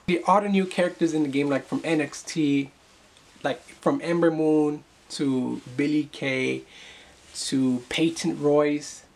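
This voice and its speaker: A young man chatting casually to the camera in an excitable, rambling way. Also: a little high. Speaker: gaming YouTuber. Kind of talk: casual vlog chat.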